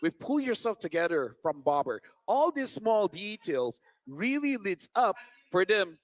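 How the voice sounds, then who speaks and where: A man's voice: high voice, big pitch swings, measured pace, dry recording. A young man from Malaysia, an esports caster giving analysis on a live desk and restarting phrases as he thinks.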